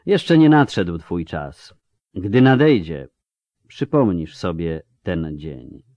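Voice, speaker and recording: A man's voice: lowish voice, very animated, normal speed, darkish tone, no echo, lo-fi sound. A man doing a stern, matter-of-fact older sorceress.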